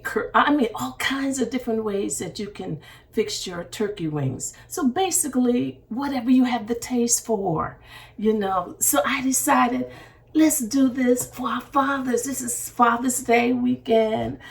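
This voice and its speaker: A woman's voice: a little high, creaky. A woman hosting a casual cooking demonstration in a kitchen, chatty and meandering as she talks straight to viewers. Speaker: cooking show host. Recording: distant mic with faint room noise.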